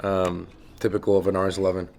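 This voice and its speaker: A man's voice: low voice, monotone, fast talker, a little mellow. A man giving a casual tasting commentary as a cannabis reviewer, musing in a laid-back stoner manner. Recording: clearly noisy recording with clicks.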